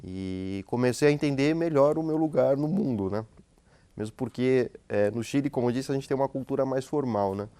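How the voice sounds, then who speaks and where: A man's voice: medium pitch, brisk, mellow, clean tone, no room sound. Male academic guest, mid-range voice, dry close sound, chatty explainer who keeps tagging his sentences with questions. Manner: frequent tag questions and hesitant restarts. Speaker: guest sociologist and professor. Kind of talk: relaxed explanatory conversation.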